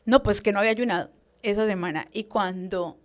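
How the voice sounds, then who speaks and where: A woman's voice: mid-range voice, a little fast. Woman telling a vivid church testimony. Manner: lively storytelling, acts out voices. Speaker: deliverance minister giving testimony. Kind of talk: personal testimony interview.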